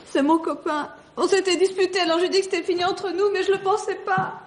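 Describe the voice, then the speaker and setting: A woman's voice: high-pitched, a little fast, darkish tone, slight background noise, lightly acted. An actress playing a distraught young woman. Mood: pleading. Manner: emotional, pleading. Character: young woman pleading over her injured boyfriend. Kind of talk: film dialogue.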